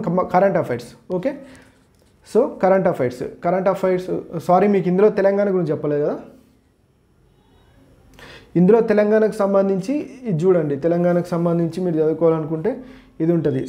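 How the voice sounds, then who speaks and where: Fast-talking man, Telangana Telugu accent, Telugu-English mix, mellow tone, informal exam tutor, explanatory. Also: high voice, fairly even intonation. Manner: mixes Telugu with English words and phrases; explanatory, repeats "okay, so" as a linking phrase. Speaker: exam prep teacher. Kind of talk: informal exam syllabus walkthrough.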